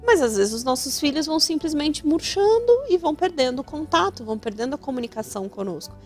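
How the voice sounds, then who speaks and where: Hosting a radio advice show about family matters, a woman with a Brazilian Portuguese accent talks fast in a high, very animated voice, acting out the voices of people she quotes. Faint music plays behind her.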